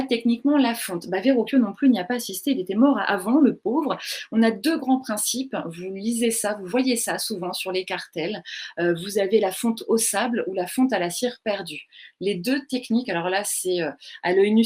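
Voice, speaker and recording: A woman's voice: medium pitch, darkish tone, husky. A woman giving an art history lecture online, chatty and full of fillers and self-corrections as she answers viewer questions. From France.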